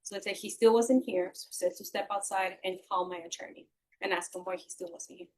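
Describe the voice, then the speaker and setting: A woman's voice: mid-range voice, fairly even intonation, fairly quick, darkish tone. A woman working as a court interpreter, relaying testimony sentence by sentence.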